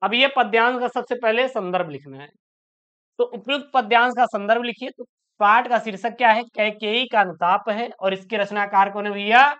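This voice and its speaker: A male teacher giving a chatty, reassuring board exam lesson and slowly reciting verse. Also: high voice, sharp tone, clean tone. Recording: dull lo-fi sound.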